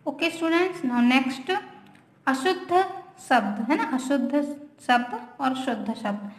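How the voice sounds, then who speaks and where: A woman teacher with an Indian accent, giving a grammar lesson to young students, asking questions and answering them herself and saying words over slowly. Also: high-pitched. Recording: echoey room.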